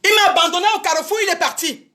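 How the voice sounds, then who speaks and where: In an indignant Facebook live rant, a show business promoter with a very high, bright, forceful voice defends herself. Speaking quickly with fairly even intonation, she keeps repeating her points and talks directly to her critics.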